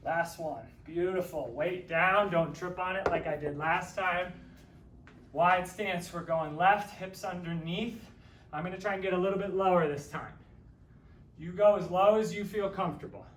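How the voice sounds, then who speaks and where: A man with a fairly high voice coaches a workout, joking and counting reps as he moves, a little out of breath. He sounds set back from the mic in an echoey, empty room with a faint hum of ambience. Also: moderate pace, far from the mic. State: a little out of breath while exercising. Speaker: fitness instructor. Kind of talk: guided workout instruction.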